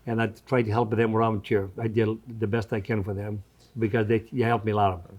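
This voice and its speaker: A Greek man in his seventies, a native Greek speaker, talks quickly in a lowish, darkish voice with little pitch movement. Being interviewed as a restaurant owner, he speaks conversationally with a Greek accent and non-native grammar, often repeating his phrases.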